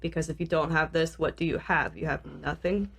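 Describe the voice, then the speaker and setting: A woman with vocal fry, talking reflectively in a casual discussion as a podcast co-host. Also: sits low, steady tone, brisk, a bit bright.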